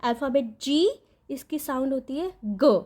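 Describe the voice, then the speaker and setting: A woman with a high, light voice explains alphabet sounds like a patient teacher. She stretches out each sound and repeats it. She keeps checking that the listener is following. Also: darkish tone. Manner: patient, checks in with "ठीक है?" after each point; repeats and draws out each letter sound slowly. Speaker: parent teaching phonics. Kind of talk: instructional explainer.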